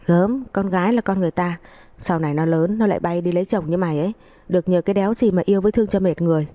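A woman's voice: lowish voice, very fast, mellow, dry recording, close to an everyday voice. Spiteful cursing mother-in-law, read by a woman. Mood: abusive scolding. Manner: coarse, cursing, belittling tirades. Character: foul-mouthed, spiteful older village mother-in-law.

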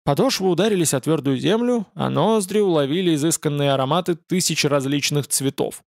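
A man narrating a science-fiction audiobook in an even, measured storytelling voice. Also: fairly high pitch, vocal fry, no room sound, clean studio sound. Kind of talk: scripted narration.

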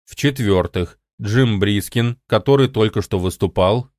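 A man voicing an emotionless government supercomputer in an audiobook, speaking flatly without modulation. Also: fairly low pitch, measured pace, dry recording, clean studio sound, natural voice. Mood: cold decree. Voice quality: flat, unmodulated. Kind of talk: audiobook reading.

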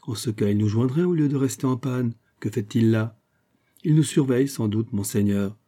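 A man's voice: mid-range voice, normal speed, warm tone, close to an everyday voice. A man reading a classic novel aloud, voicing a loyal, anxious adviser who speaks in an urgent, pleading way.

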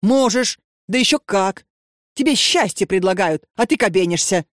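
Storybook figure: loud, blunt country woman, scolding, read by a woman, dry close sound. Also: mid-range voice, animated, normal speed, dry recording, natural voice.

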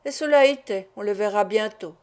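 A woman reading a classic novel aloud as an audiobook narrator, in measured, clear narration. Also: medium pitch, a little mellow. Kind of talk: scripted literary narration.

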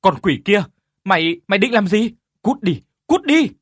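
A desperate young man , played by a male narrator, shouts and pleads in a frantic voice. His pitch swings widely as he begs. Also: sing-song, normal speed, dry recording, clean studio sound.

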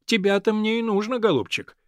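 A man voicing a stern father who scolds loudly and repeats himself. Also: high-pitched, animated, brisk, no echo, clean studio sound, voice pushed up. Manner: loud, repeating words, scolding. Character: angry stern father scolding his son.

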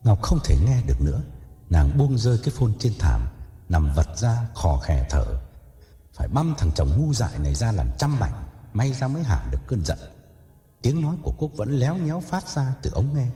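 A man narrating an audio story in a dramatic, expressive way. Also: medium pitch, normal speed. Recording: echoey reverb with faint music.

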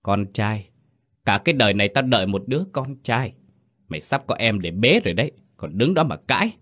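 A man's voice: lowish voice, expressive, brisk, a bit bright. A man voicing a callous, harsh village mother in a ghost story reading, snapping and scolding. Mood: furious.

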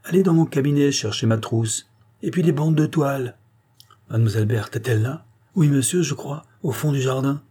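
Brisk bossy doctor giving orders, read by a guy, mellow husky tone. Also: mid-range voice, pitched above the performer's own voice, natural voice. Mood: commanding. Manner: brisk, commanding. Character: calm, authoritative middle-aged male doctor.

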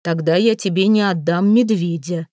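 A woman's voice: normal speed, warm tone, no room sound, lightly acted. A woman voicing a fussy middle-aged widow handing out an inheritance in a placating tone, dry close sound. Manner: placating, then shrill.

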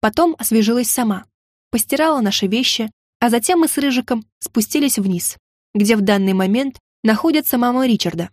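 A woman narrating a first-person fantasy audiobook in a steady storytelling delivery. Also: fairly high pitch, fairly quick, dry recording, clean studio sound.

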